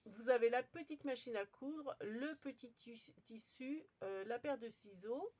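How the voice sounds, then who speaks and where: A woman's voice: fairly high pitch, measured pace, darkish tone. Chatty woman showing a craft haul. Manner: chatty, many fillers and restarts. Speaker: crafting vlogger. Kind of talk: casual show-and-tell haul.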